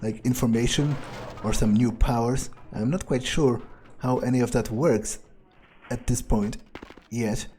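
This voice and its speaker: A man with a dark, medium-pitched voice gives improvised in-character commentary on a game at a measured pace and fairly even intonation. He thinks aloud nonchalantly, phrasing things hesitantly, over slight background noise.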